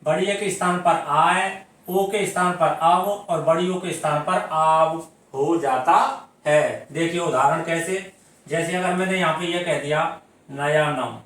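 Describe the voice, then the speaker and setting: With a steady, slightly bright tone, the same teacher leads a Hindi grammar lesson at an unhurried pace, explaining step by step. He questions the class and answers himself, drawing example words out syllable by syllable. Strong room echo and mic distance color the recording.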